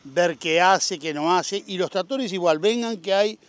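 Outdoors at a farm fair, a middle-aged machinery dealer with a Uruguayan Spanish accent promotes his tractors in a casual interview, an upbeat salesman peppering his talk with "este" fillers. His voice is high and unhurried, with no echo.

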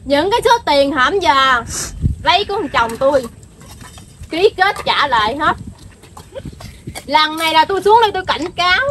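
A woman playing a shrill, furious wronged wife. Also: a bit bright, a little hiss or hum. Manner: scolding, threatening, harsh. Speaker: angry wife confronting her husband's mistress. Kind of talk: comedy skit acting.

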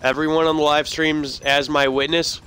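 Young guy, kinda sharp bright voice, teasing his buddies over a headset mid-game. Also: fairly high pitch, level tone, moderate pace, clear, resonant tone. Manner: teasing, laid-back. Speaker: co-host and player. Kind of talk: casual gaming banter.

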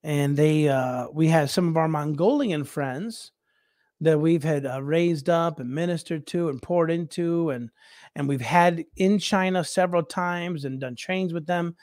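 A man's voice: a little high, a little slow, no echo. Chatty preacher man, dry close mic. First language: English. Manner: rambling, animated, laughing often, many restarts. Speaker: missionary preacher. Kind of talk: casual storytelling on a talk show.

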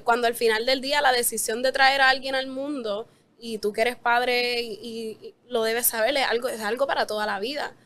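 A woman's voice: on the high side, fairly bright tone. Firm woman arguing a point. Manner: firm, articulate, impassioned. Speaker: guest advocate. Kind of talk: argumentative interview answer.

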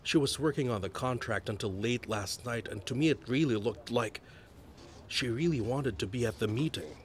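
A man's voice: medium pitch, normal speed, close to an everyday voice. An actor dubbing a young husband who speaks firmly to his father and wife. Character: young husband, calm son. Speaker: dub actor. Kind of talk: drama dub.

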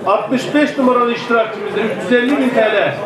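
Male auctioneer, very high projected bid calling, heard far off over an echoey PA. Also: fairly quick. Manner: repeats bids, calling out loudly to bidders. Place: open-sided outdoor sale ring. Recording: echoey distant PA with loud crowd. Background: loud crowd.

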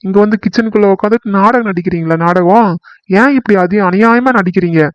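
A hot-tempered young village wife in a cartoon, voiced by a man, high-pitched and indignant. She accuses and argues without letting up. The recording is dry and a little dull. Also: fast, clear, resonant tone, no echo, natural voice. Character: fiery young village wife, quick to quarrel.

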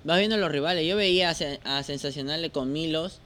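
A man's voice: on the high side, fairly quick, fairly bright tone. A man, a jockey guest on a studio panel, speaking hesitantly and restarting often. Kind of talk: casual studio chat.

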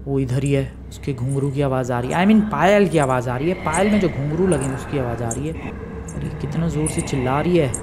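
A man giving lively, chatty commentary on his own gameplay, talking straight to his viewers. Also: medium pitch, fairly quick, noisy background. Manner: excitable, chatty, talks to viewers as "bhai" and "guys". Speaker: gaming YouTuber.

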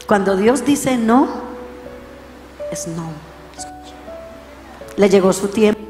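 A middle-aged woman preaching a sermon, telling a story in a voice that swings from hushed to fervent shouting. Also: medium pitch, moderate pace. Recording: long reverb, faint music behind.

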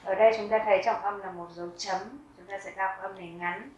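A woman teaching a vocabulary lesson, reading each word twice slowly and carefully and explaining how to pronounce it. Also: medium pitch, fairly even intonation, reverberant, distant mic, muffled recording. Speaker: German teacher. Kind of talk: slow vocabulary lesson with pronunciation drills.

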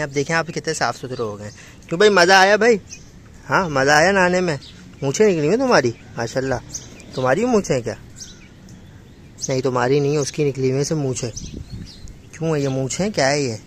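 A man's voice: a little high, a bit bright, a little hiss or hum. Chatty young man touring his farm. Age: young adult. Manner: chatty, talks fondly to his animals. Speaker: farm vlogger. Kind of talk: casual walk-through vlog. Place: outdoor rooftop animal farm with animals around. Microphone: phone camera held at arm's length.

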